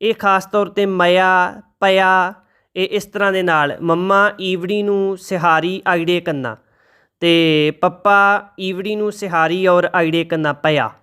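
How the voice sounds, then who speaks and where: Man with a high, clear voice teaching recitation. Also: steady tone, pushed and bright. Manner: slow, deliberate, spells out letters and corrects pronunciation. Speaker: Gurbani pronunciation teacher. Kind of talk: recitation lesson with slow chanted verses.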